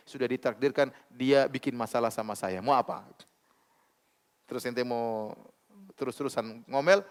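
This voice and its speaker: A man preaching a religious lecture in a casual, animated way, slipping into slangy asides and chuckles. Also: mid-range voice. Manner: conversational, animated, uses street slang and laughter.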